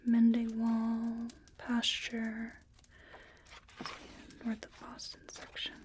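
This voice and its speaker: A woman in an ASMR role-play as a librarian, using a soft, breathy library soft voice with a gentle, unhurried murmur. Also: a little high, completely flat delivery, a little hiss or hum. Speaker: ASMR performer playing a librarian.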